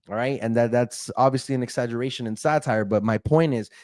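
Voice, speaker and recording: Man, young adult, casual fight-picks host, animated, stumbles on names, dry close sound. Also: mid-range voice, dry recording. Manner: chatty, animated, addresses viewers as guys; restarts and stumbles over names. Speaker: MMA fight predictions host.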